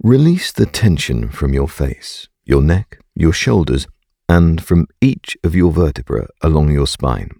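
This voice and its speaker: A man narrating a scripted guided meditation in a calm, gentle, soothing and unhurried way. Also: a bass voice, creaky, no room sound, studio quality.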